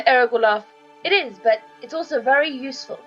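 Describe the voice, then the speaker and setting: A woman's voice: sits high, brisk, a bit bright, highs cut off. Chatty woman player with faint music. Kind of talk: playing a tabletop game.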